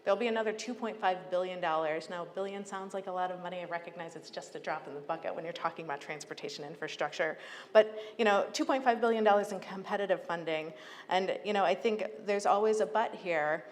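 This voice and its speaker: Talking fast in a fairly low voice, an American public agency leader gives an earnest, persuasive conference speech she has prepared, pressing her points emphatically. The recording is echoey, with clear background noise from the hall.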